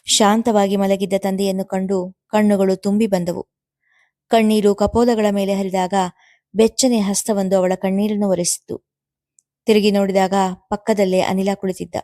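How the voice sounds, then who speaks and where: A woman narrating a serial story in a steady, unhurried reading voice. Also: medium pitch, no room sound, clean studio sound.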